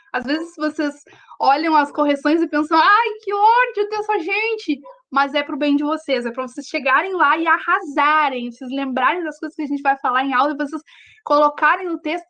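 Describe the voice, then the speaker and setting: Young woman teaching over a video call, high voice, chatty, keeps checking in with students. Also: fairly bright tone. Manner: chatty, addresses students directly, frequent "tá?" checks. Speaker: writing teacher. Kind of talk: live online class.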